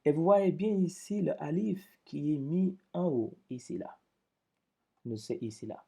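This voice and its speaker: A man's voice: a little high, sing-song, a little slow, gravelly, mellow, slightly rough. A man teaching a step-by-step lesson, explaining patiently with repetitions and speaking up when he drills syllables.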